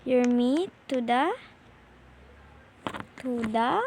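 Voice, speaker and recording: A playful woman from the Philippines talks through a video game, often muttering to herself. Her voice sits high and carries a gravelly fry. A faint hiss of noise runs under the recording. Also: drawn-out words, darkish tone. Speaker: gamer. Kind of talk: gameplay commentary.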